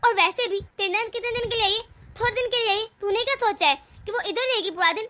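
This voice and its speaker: A woman's voice: extremely high pitch, fast, sharp tone. A woman voicing a harsh, sarcastic older mother-in-law in a cartoon story. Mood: scolding. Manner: taunting, sarcastic. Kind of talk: cartoon voice acting.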